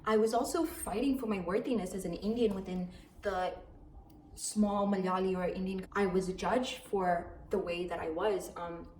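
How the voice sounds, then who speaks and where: A young Zimbabwean woman vlogs about her personal story in a casual, reflective way, using frequent fillers. Her medium-pitched voice is a little mellow, with fairly even intonation and a moderate pace. The room is echoey, with faint ambience and slight background noise.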